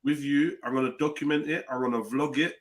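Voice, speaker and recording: A young man chatting excitedly and joking with slang, heard over a group voice chat on the internet. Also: mid-range voice, fast talker. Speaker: panel member. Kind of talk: casual chat.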